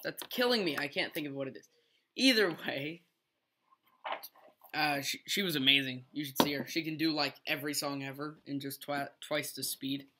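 A man's voice: on the high side, normal speed, background noise. A young man co-hosting a casual podcast with his mother, joking and rambling as he talks. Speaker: podcast co-host, son. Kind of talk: casual chat.

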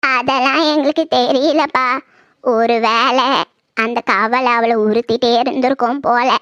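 A woman voicing a grieving old village grandmother in a cartoon, talking slowly in a lamenting way. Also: a little high, fairly even intonation, fairly bright tone, no room sound, lo-fi sound. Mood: gossiping. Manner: slow, mournful, lamenting. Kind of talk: cartoon voice acting.

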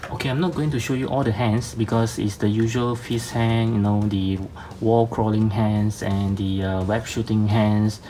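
A man casually reviewing toys in halting, hesitant speech, slightly slurred by a mouth numb from dental work. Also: on the low side, steady tone, dark tone, slight background noise. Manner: halting, hesitant, many long filled pauses. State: half of face numb after tooth operation. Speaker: toy reviewer. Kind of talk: casual unscripted review narration.

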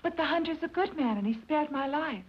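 A young woman playing a gentle, innocent princess in an old fairy-tale film. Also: high voice, animated, a little fast. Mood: gentle, earnest. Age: young adult. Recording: dull old film soundtrack.

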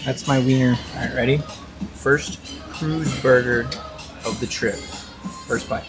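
Speaking a bit slowly in a mid-range, steady voice, a young vlogger chats cheerfully in a casual travel vlog from a cruise ship. The handheld camera audio is poor, with background music laid over his speech.

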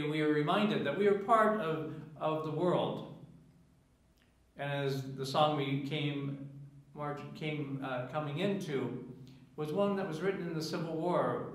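A priest reading the gospel and preaching a homily in a slow, measured way, his voice carrying a cathedral echo. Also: fairly high pitch. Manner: slow, measured liturgical delivery. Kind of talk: proclaiming the gospel and giving a homily at Mass. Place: large church. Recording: echoey church from far off.

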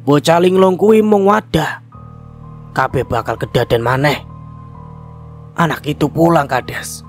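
A man playing a grave old village shaman who speaks slowly and ominously. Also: mid-range voice, close to an everyday voice.

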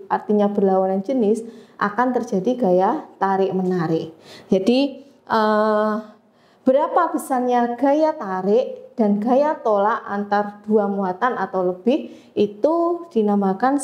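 A woman teaching a physics lesson, explaining step by step with frequent pauses and fillers. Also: a little high, a little mellow. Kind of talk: classroom lecture.

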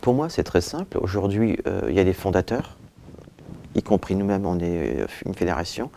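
Faint music plays behind a low, gravelly, warm voice that's animated at normal speed. The speaker, in his forties, was born in Turkey and grew up in France; wearing a lapel mic in an office with bookshelves, he fills pauses with "euh" and "je dirais" before becoming emphatic.

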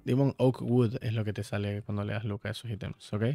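A man's voice: fairly low pitch, steady tone, brisk, warm tone, no room sound. A man streaming a video game, chatting casually and playfully with viewers and swearing freely. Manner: profane, playful, talks to chat directly. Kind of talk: casual live-stream chat while playing. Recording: dry sound, faint background music.

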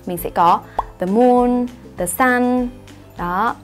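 This woman speaks very slowly in a slightly high voice, with faint music underneath. Teaching grammar in an online English lesson, she explains patiently and often asks "right?" to see if students follow.

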